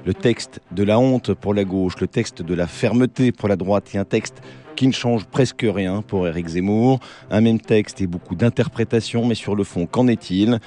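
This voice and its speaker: A man with a French accent from France hosting a political debate, his gravelly, hollow voice hoarse from a cold. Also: lowish voice, normal speed, warm tone, faint music behind. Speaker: debate show host.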